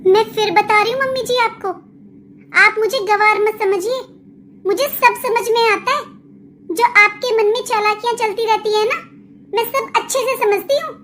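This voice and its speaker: A young village daughter-in-law from a cartoon, proud and aggrieved, voiced by a voice actor. She talks back to her in-laws in a very high voice, with light noise underneath. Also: fairly bright tone. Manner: complaining, defiant. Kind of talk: cartoon dubbing.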